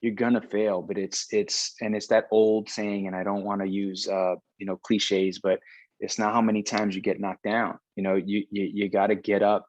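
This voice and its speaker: A man's voice: on the low side, level tone, normal speed, a little hiss or hum, rough recording. A middle-aged man in a casual conversation, talking in long rambling stretches with frequent restarts. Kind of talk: casual conversation about baseball.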